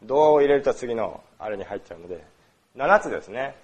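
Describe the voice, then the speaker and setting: A man from Osaka gives a sermon, his pitch rising and falling a lot as he speaks. He talks in a loose, conversational way, full of small fillers, and often asks the congregation questions. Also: animated, brisk, darkish tone, breathy edge, dull audio. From Osaka, Japan. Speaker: pastor. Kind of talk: sermon on worship.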